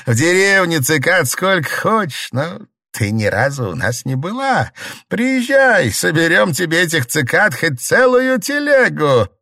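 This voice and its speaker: A man reading an audiobook and voicing a chatty, humble old peasant grandmother, raising his pitch high and drawing out her exclamations. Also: big pitch swings, pushed and bright, dry recording, clean studio sound, full character voice. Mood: fussing, exclaiming. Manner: high, exclaiming, drawn-out cries. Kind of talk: audiobook character voice.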